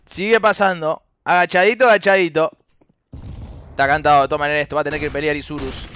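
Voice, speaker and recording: A young Argentine man co-casting an esports match, shouting and laughing at the plays in slangy live commentary. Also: on the high side, steady tone, fast, clean tone.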